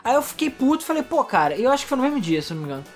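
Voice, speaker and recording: A young adult woman with a Rio de Janeiro Portuguese accent co-hosts a casual podcast, her voice sitting high and racing along. She tells stories animatedly, acting out both sides of quoted exchanges, with faint music playing behind her.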